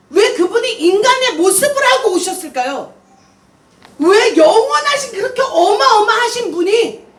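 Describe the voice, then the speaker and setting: High-voiced animated woman preaching. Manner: animated, asks many questions, speaks casually to the kids. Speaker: missionary preaching to young people. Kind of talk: sermon. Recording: echoey room, voice heard from far off, faint noise.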